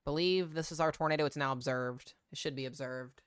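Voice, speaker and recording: A man's voice: on the high side, fairly quick, fairly bright tone, smooth. A man hosting a live severe weather stream, giving informal commentary with muttered asides and emphatic calls. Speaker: severe weather livestream host. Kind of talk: live storm coverage commentary.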